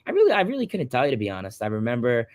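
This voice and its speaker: A Long Island man in his early twenties hosts a casual livestream, fielding viewer questions in a rambling way full of fillers and repeated words. His medium-pitched voice swings wildly in pitch, races along, and has a darkish tone, captured in a dry recording.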